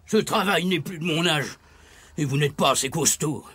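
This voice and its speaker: A man voicing a gruff, grumpy old grandfather bogeyman in a storybook reading, scolding and sneering. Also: fairly high pitch, normal speed, pushed and bright, voice pushed up. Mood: grumbling.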